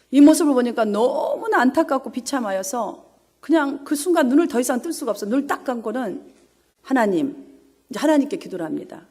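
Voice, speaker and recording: A woman's voice: fairly high pitch, darkish tone. A woman pastor delivering an emphatic sermon in a church, telling stories and laughing now and then. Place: church sanctuary.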